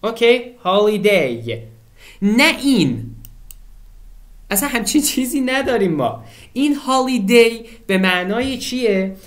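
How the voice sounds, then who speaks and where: A man in his twenties tutoring for an English exam in an animated way. He often checks in with students and slows down to spell out English phrases. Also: very high-pitched. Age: 20s. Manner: animated, keeps checking in with "okay?" and addresses students as kids. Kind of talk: exam-prep lesson walkthrough.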